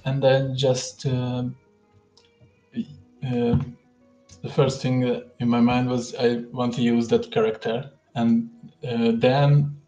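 A young man from Hungary with a Hungarian accent, a guest speaking over a headset on a video call, pausing often and filling gaps with "uh". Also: mid-range voice, level tone, dark tone, roomy sound, highs cut off, soft background music. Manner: hesitant, many pauses and fillers. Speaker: guest 3D artist. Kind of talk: livestream video call interview.

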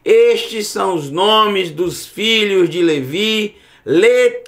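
Slow explanations, repeated words and regular check-ins with the class mark this man's recorded Bible Hebrew lesson. He has a high, slightly bright voice.

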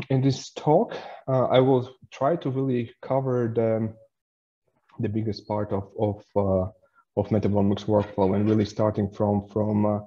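A man delivers a webinar lecture in a lowish, mellow voice. He pauses and restarts often, filling gaps with "uh". The sound is slightly muffled, as over a video call. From Latvia. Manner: hesitant, many fillers and restarts while explaining.

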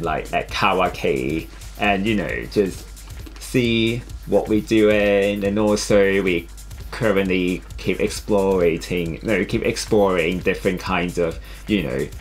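Low-voiced and slow-paced, a young man with a Hong Kong accent talks casually about his design work in an interview. He's from Hong Kong, seated in a small studio room with clothing rails, and faint music runs behind him.

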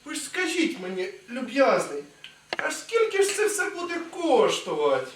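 Schoolboy playing a pompous shouting would-be nobleman; high, lively voice, echoey school hall from afar. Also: normal speed, slight background noise, exaggerated voice. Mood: scheming. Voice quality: blustering, indignant shouting. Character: pompous blustering rural would-be nobleman, older. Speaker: student actor. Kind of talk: school stage play. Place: school stage. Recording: echoey hall, mic far off.

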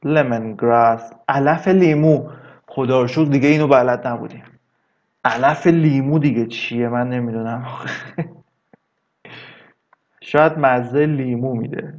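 A man teaching English vocabulary in a casual lesson, drawing words out slowly and adding chatty asides. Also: medium pitch, darkish tone, lo-fi sound. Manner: slow, drawn-out repetition of words, chatty asides.

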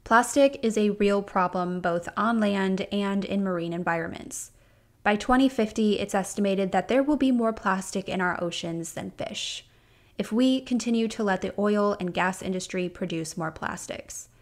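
A woman's voice: medium pitch, normal speed. Woman reading a scripted podcast. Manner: reads from a script, with brief casual asides. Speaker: podcast host.

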